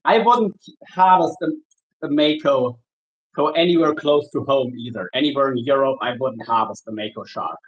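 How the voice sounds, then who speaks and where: A man from Germany, a shark angler chatting casually with viewers while he works, easygoing and halting, often restarting his sentences. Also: medium pitch, highs cut off. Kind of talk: casual livestream chat while working.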